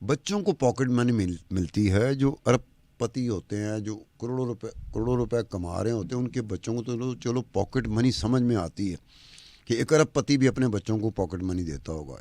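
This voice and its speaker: A man's voice: lowish voice, warm tone, no room sound. A man, a podcast commentator talking across from a woman anchor, stacking up rhetorical questions in an argumentative way.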